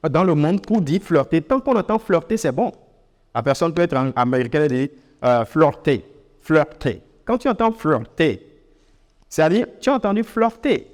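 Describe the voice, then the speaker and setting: Animated African French man teaching, with reverb. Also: a little high. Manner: animated, repeats words for emphasis, many fillers. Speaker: English teacher. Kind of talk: informal spoken lesson.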